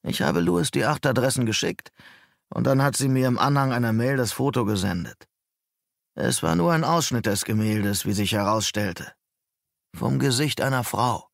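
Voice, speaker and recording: A man's voice: mid-range voice, normal speed, creaky, dry recording, studio quality, natural voice. A man voicing a self-important, defensive male private detective in an audiobook. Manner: boastful, defensive.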